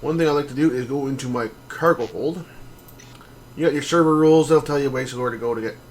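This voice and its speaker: A man's voice: medium pitch, fast. Man rambling through game commentary. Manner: relaxed, rambling explanations with many fillers. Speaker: game streamer. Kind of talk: casual gameplay commentary.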